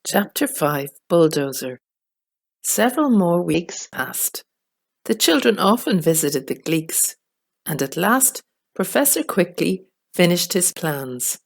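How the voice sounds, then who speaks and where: A woman reading a children's storybook aloud, slow, clear and expressive. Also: on the low side.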